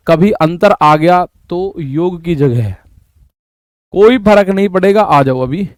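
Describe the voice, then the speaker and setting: A man's voice: high voice, a little mellow, no room sound. A man teaching a live maths class, working through sums step by step and calling on students by name.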